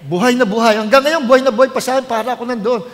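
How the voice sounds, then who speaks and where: A man's voice: very high voice, very fast, in a large hall. A middle-aged man, a pastor, preaching a sermon and telling his story with animation, mixing English into his talk.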